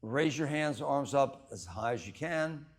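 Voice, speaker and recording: Male breathwork instructor, unhurried pace, measured short cues separated by long pauses, guiding students through exercises. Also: mid-range voice.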